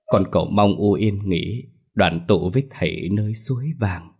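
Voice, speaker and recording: A man voicing a middle-aged son in a ghost story, choked with tears, stammering and breaking into shouts. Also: deep voice, moderate pace. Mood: grieving. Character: grieving middle-aged son, tearful then astonished.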